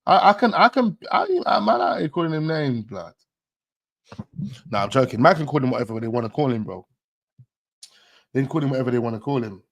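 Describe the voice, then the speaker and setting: A man's voice: mid-range voice, expressive, brisk, gravelly, pauses often, fairly bright tone. A man hosting a casual live-stream chat, slangy, loose and jokey, laughing often. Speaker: host of a fan channel stream.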